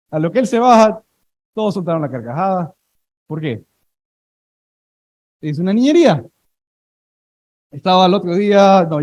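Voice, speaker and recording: A male pastor preaching a sermon, telling lively everyday stories and having the congregation repeat words after him. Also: sits high, no echo, poor audio.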